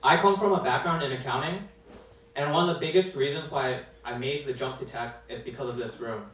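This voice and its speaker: A man's voice: medium pitch, brisk, a bit bright. A man giving a proud, scripted presentation as a developer. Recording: echoey hall mic from a distance.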